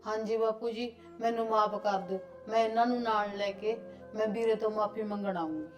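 A woman's voice: medium pitch, fairly even intonation, brisk, lo-fi sound, faint music behind, natural voice. A woman playing a hurt, stubborn married daughter who complains to her father. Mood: meek. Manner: complaining and reproachful. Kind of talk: short film acting.

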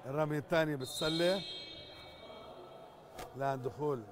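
A man's voice: fairly high pitch, brisk. A man with a Jordanian Arabic accent doing live basketball commentary from an indoor gym. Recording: noisy indoor sports hall. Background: clear gym noise, bouncing basketball.

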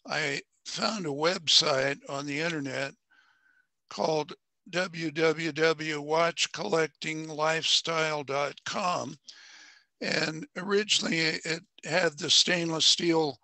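A man in his seventies or older with a raspy, congested voice, speaking in measured, formal phrases as he gives an informal presentation on a headset. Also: fairly high pitch, fairly even intonation, pushed and bright, dry recording. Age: 70s or older. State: congested sinuses. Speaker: watch club member presenting a watch. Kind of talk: informal show-and-tell. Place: home room on a video call.

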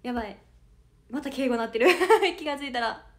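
A giggly young woman in her early twenties with a soft Kansai lilt chats on her livestream. Her voice sits high and bright with youthful energy, and she breaks into laughter between reading fans' comments aloud. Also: brisk. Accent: Kansai Japanese. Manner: bubbly and giggly, with frequent laughter. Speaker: idol audition candidate livestreaming. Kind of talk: casual livestream chat reading viewer comments.

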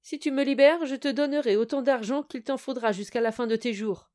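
A woman's voice: a little high, a little fast, a little mellow, pitched above the performer's own voice, close to an everyday voice. A boastful, tricky male spirit from a fairy-tale bottle, put on by a woman reading the story. The voice sits well above her own, thin and pleading, with a menacing edge when he boasts. It is an audio storybook reading.

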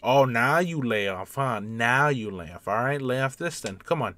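Excitable man calling his own game. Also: normal speed. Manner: excitable, jumps to loud highs on big plays; taunts the opponent directly. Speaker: video game player and commentator. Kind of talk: let's-play commentary on a baseball video game.

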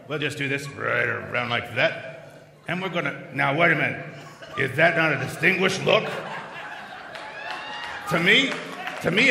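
Bright, forceful male stage comedian. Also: fairly high pitch, creaky. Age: middle-aged. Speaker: comedian ventriloquist. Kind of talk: live stage comedy patter. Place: large theatre stage. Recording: echoey theatre PA, long reverb.

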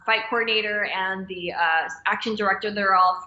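An American woman stunt performer chats casually as a podcast guest in an interview, loose and easygoing with lots of "yeah"s and "like"s. Her medium-pitched, steady voice is pushed and bright at a moderate pace. The sound is roomy and the recording muffled.

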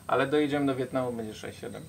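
A man's voice: medium pitch, rapid-fire, gravelly, slight background noise. Young man reading viewer questions. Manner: reads questions aloud, explains plainly. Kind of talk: casual Q&A chat.

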